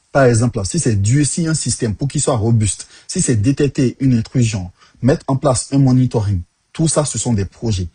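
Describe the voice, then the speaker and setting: A man's voice: medium pitch, dark tone, breathy edge, dry recording. A man in his thirties with an African French accent, giving punchy, direct career advice to the viewer. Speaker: tech career coach. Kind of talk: direct-to-camera advice talk.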